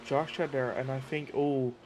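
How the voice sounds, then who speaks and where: A man's voice: medium pitch, little pitch movement, normal speed, a crowd in the background. A man co-commentating a sim race live, adding analytical details about gaps and pit stops. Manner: analytical, adds reference details. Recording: loud engine noise on stream. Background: race car engine noise.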